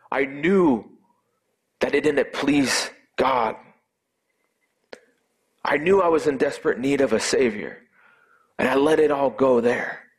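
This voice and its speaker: A man giving an earnest, emotional personal faith testimony, halting at times and repeating words as he speaks. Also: medium pitch.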